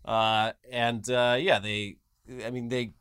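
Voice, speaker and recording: A man co-hosting a podcast in casual chat, animated and profane, with sarcastic asides. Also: mid-range voice, takes it slowly, clear, resonant tone, dry recording. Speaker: podcast co-host.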